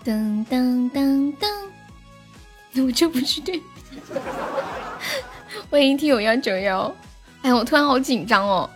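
Female streamer, high voice, giggly chat, faint music behind. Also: very animated, a bit bright. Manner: giggly, chatty, often rushed. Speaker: livestream host. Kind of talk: casual livestream chat.

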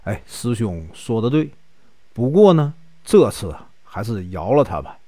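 A man's voice: on the high side, animated, normal speed, darkish tone, dry recording, clean studio sound, close to an everyday voice. A man with a Northeastern Mandarin accent voicing a restrained, dutiful male officer who talks others down. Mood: placating.

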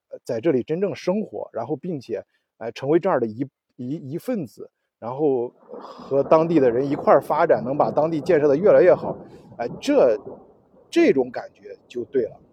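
A man's voice: mid-range voice, breathy edge, no echo. A man hosting a casual solo talk show, rambling with many restarts and fillers. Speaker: podcast host. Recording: dull, lo-fi audio.

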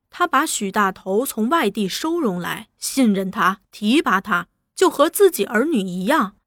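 A woman narrating a novel in an expressive, animated storytelling style. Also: fairly high pitch, no echo, studio quality.

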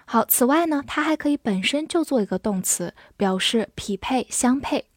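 Woman teaching English vocabulary, slightly high voice. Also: animated, no echo, clean studio sound. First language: Chinese. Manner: spells words letter by letter and reads example sentences slowly. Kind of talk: scripted vocabulary lesson.

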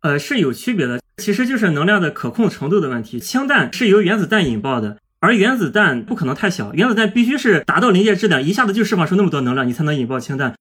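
A man explaining physics on a podcast as a guest, lively and step by step, with everyday images. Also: sits high, quick pace, hardly any pauses, husky.

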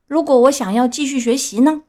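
Woman doing a cocky boy puppet, high and loud. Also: a little fast. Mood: defiant. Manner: high, loud, playful child voice. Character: mischievous boy wooden puppet, cocky and boastful. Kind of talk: storybook reading.

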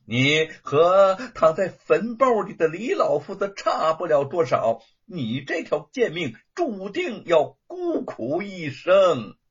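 A cackling, spoiled young lordling, as a man puts him on mocks his rival in a storybook tale. The voice rides high and swoops wildly up and down, with a husky, breathy grain. The recording sounds dull and muffled. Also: sing-song, takes it slowly, full character voice. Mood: gloating. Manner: taunting, cackling, sneering. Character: gloating spoiled young male lordling, cruel mocker.

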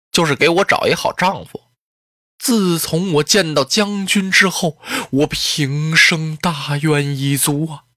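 A tearful young beauty pleads in slow, drawn-out phrases, as a storyteller puts her on in traditional Chinese storytelling. The voice rides a little higher than the teller's own and swings widely in pitch. It sounds dry and close. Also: sharp tone, no echo. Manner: weeping, drawn-out pleading speech.

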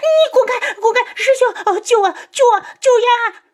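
A woman's voice: extremely high pitch, lively intonation, normal speed, pitched above the performer's own voice. A woman voicing a frightened, clingy young woman who pleads in a tearful, sobbing voice. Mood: shrieking.

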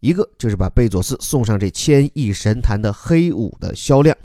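A man teaching English through a news article, explaining words and grammar in a lively, explanatory way. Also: mid-range voice, moderate pace, dry recording, studio quality. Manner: lively, explanatory, reads English lines aloud and breaks them down.

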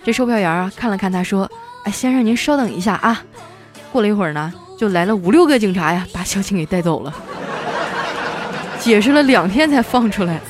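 A woman hosting a comedy show, telling scripted joke stories in a lively way and putting on voices for the characters. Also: medium pitch, brisk, over music. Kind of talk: scripted comic storytelling.

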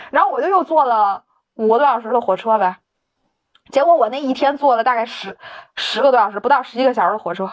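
A woman's voice: on the high side, lively intonation, a little fast, pauses often, muffled recording. A woman telling a story in casual chat, laughing often, swearing casually and acting out the dialogue. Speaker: podcast co-host.

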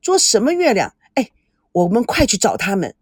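A woman voicing a relaxed young man who jokes and protects his companion, in an audiobook. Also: mid-range voice, moderate pace, breathy edge, dry recording, studio quality. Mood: easygoing.

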